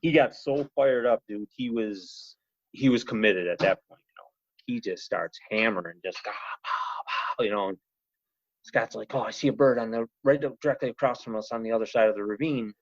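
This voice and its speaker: A man telling a story on a podcast in a rambling, animated way, full of "you know" and "he goes". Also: lowish voice, brisk, dry recording. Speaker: podcast guest. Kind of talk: casual storytelling. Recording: slightly muffled podcast audio.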